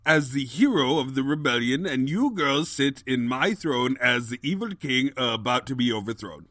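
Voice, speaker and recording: A man's voice: medium pitch, lively intonation, normal speed, fairly bright tone, dry recording, studio quality, natural voice. A man playing a pompous, scheming and boastful evil pony king in a comic audio drama, with grandiose, theatrical delivery. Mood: smooth scheming.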